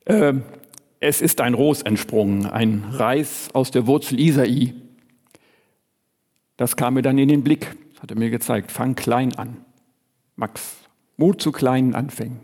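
An older man preaches a personal testimony in his sixties, earnest and storytelling, acting out the dialogues himself. His voice is dark and mellow. A long reverb hangs behind him, as in a large church hall. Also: medium pitch, measured pace. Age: 60s.

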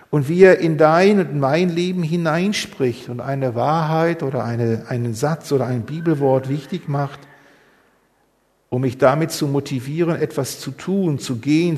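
A man's voice: fairly high pitch, a little mellow, big-room sound. A man preaching a sermon, earnest and full of rhetorical questions. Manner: earnest, many rhetorical questions, rising emphasis.

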